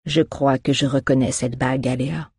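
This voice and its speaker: A storybook reader voicing an old male druid who speaks calmly and slowly, pressing gently. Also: mid-range voice, slightly rough, dry recording, studio quality. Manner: calm, slow, measured.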